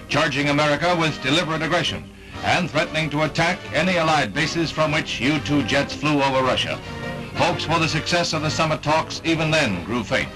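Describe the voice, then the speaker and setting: A man's voice: on the high side, low-quality recording. A man narrating an old newsreel in an emphatic, dramatic announcing manner. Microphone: studio voice-over. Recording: narration over loud orchestral music.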